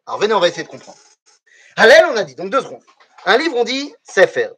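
A man's voice: sits high, fast talker, breathy edge. A man teaching a lesson to his students, explaining things step by step and often throwing questions back at the class. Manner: animated, asks the class rhetorical questions.

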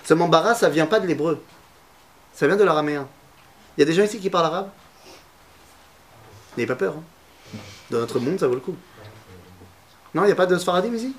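Guy teaching a torah class, lots of questions to the room, voice a bit high and very animated. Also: a little fast, long pauses, a little hiss or hum. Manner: lively, questions the class, mixes in Hebrew terms. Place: classroom with students.

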